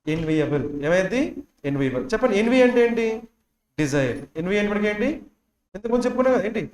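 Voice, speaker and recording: High-pitched male teacher quizzing his class on vocabulary. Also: sing-song, racing, a little mellow, reverberant. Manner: drills words with constant questions to students.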